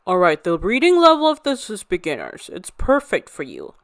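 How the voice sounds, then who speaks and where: A woman's voice: on the low side, wildly swooping pitch, normal speed, a bit bright, soft background music, heavily acted. A woman plays a grumpy preteen big brother who answers bluntly and with little patience. The sound is dry and close, with no room echo. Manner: blunt, impatient.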